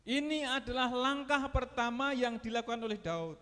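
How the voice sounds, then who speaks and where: A man preaching a sermon as pastor, swinging between loud and soft and asking the congregation questions. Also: extremely high pitch, animated, normal speed, clean tone, big-room sound. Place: church hall.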